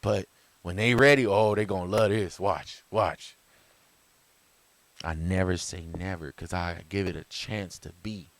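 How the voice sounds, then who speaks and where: A man talking to camera in a casual motivational monologue, rambling with restarts and chuckles, swinging from loud high bursts to soft low murmurs. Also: steady tone, a little slow. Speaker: vlogger.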